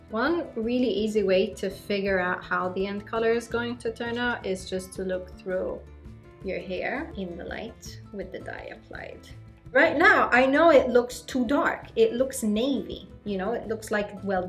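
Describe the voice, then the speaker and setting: Maltese accent woman doing a chatty beauty vlog, expressive, medium pitch, music behind her. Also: measured pace. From Malta. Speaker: beauty vlogger. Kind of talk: chatty hair-dye tutorial vlog.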